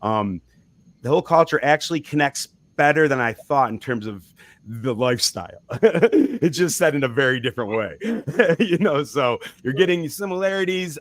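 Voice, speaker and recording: A man of medium pitch talks about his music in a loose, rambling way, breaking off and restarting his thoughts and laughing lightly. The sound is dry and close, with no room around it. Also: expressive, normal speed, a bit bright, no room sound. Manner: rambling, chuckling, frequent restarts. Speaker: musician guest. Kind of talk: casual interview talk.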